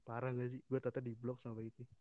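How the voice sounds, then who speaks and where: A man's voice: medium pitch, dry recording. Slangy man telling a story. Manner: slangy Jakarta street talk, many restarts. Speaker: podcast guest telling a story. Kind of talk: casual storytelling chat. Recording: dull lo-fi sound.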